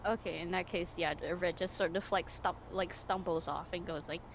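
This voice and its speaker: A woman's voice: lowish voice, fairly even intonation, moderate pace, noisy background. A woman chatting casually as a player in a tabletop game.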